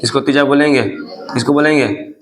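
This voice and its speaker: A man's voice: medium pitch, fairly even intonation, brisk, crowd noise. A male math teacher teaching a class, asking questions again and again and answering them himself. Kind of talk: classroom lesson. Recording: echoey classroom.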